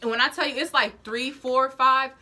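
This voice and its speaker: A young woman telling a storytime vlog in animated, casual slang, acting out what people said. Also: sits high, normal speed. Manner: acts out quoted lines. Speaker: vlogger.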